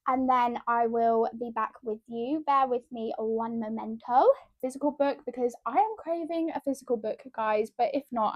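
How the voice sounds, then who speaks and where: A chatty woman talks straight to her viewers in a casual book vlog, excitable and rambling. Her voice sits a little high. The sound is close and dry, with almost no room in it. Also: no echo. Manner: chatty and excitable, keeps addressing viewers as guys. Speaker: book vlogger. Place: room at home with window open.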